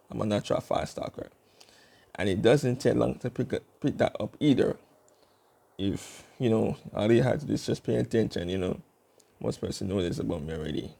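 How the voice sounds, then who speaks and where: A young man vlogging alone to his channel, his voice dark and mellow with a gravelly rasp at the edges. He rambles through fillers and restarts. He tries to keep his pace slow and deliberate. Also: on the low side. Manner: working to speak slowly and deliberately. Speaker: YouTube vlogger. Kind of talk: casual vlog monologue.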